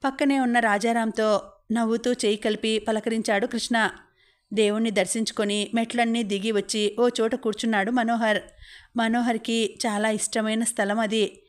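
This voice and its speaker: A woman narrating a novel as an audiobook, reading in a steady, even way. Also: fairly high pitch, moderate pace.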